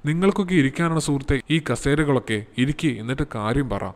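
A man voicing a calm, kind police sub-inspector who questions people gently. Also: fairly high pitch, quick pace, lightly acted.

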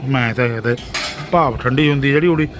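A man's voice: medium pitch, brisk, noisy background. A man with a Punjabi accent chatting casually as a family vlogger, teasing and exclaiming as he goes. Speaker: vlogger filming family cooking.

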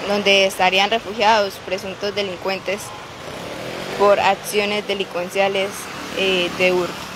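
Woman reporter live on the street, slow and flat, lots of "eh", clear traffic noise behind. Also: medium pitch. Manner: halting, many filler "eh"s. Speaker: local news reporter. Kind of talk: live on-scene news report. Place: outdoors on a city street.

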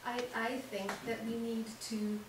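A woman with a fairly high voice answers as a panelist, measured and thoughtful. She is caught from a distance in a very echoey room with a clear background hiss. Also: little pitch movement. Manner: measured, thoughtful, many ums. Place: seminar room with audience. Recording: echoey room, distant mic, audible noise.

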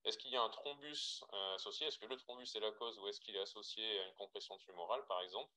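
A French man lecturing over a webinar, his voice low-pitched but bright and forward. He talks through slides for trainees, pausing often on fillers and restarting phrases. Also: rough recording. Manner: hesitant, many fillers and restarts. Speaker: radiologist giving a webinar talk.

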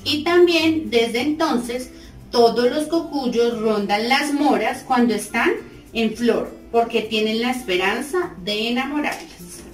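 A woman narrating a children's story in a slow, expressive, sing-song way. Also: a little high. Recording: roomy, distant mic, faint music.

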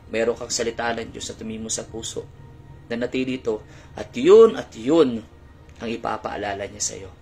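A young man giving an earnest, polite sermon testimony, often repeating his phrases. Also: medium pitch. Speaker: preacher.

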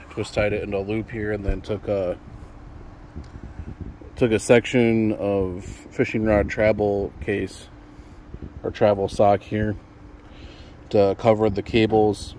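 A man's voice: fairly low pitch, flat delivery, unhurried, pauses often, darkish tone. A young man casually showing off a fishing build on a phone camera outdoors, rambling with many ums and restarts. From Michigan. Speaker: fishing channel host. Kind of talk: casual how-to vlog. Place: outdoors in an apartment parking lot. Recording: noisy outdoor phone recording.

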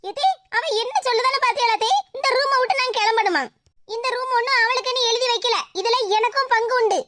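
A woman's voice: very high voice, steady tone, fairly quick, heavy background noise. A woman voicing a cheeky, argumentative young cartoon girl with a Tirunelveli Tamil accent. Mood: defiant. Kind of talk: cartoon voice acting.

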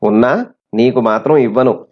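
A man's voice: medium pitch, normal speed, close to an everyday voice. A man voicing an honest, brave young schoolboy in a plain reading voice. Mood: indignant. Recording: slightly muffled recording.

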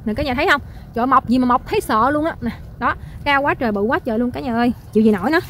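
A woman with a high, bright-pitched voice walks through her garden nursery, filming on a phone and talking nonstop to her viewers. She exclaims and gushes over every plant she sells, with faint outdoor noise behind her. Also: rapid-fire. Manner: excitable, exclaiming, addresses viewers constantly. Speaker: plant seller. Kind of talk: casual selling vlog.

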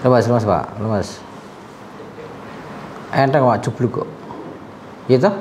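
A man's voice: mid-range voice, takes it slowly, background noise. A man, a sports massage therapist talking casually and coaxing a patient while he works, often laughing.

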